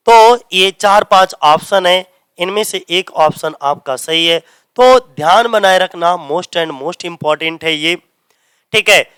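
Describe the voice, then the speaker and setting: Male teacher, crisp, fairly high voice. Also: fairly bright tone, no echo. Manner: repeats questions to the class and answers them; reads English lines slowly, then explains in Hindi. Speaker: English literature teacher. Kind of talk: exam-prep lecture in Hindi mixed with English. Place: coaching centre classroom.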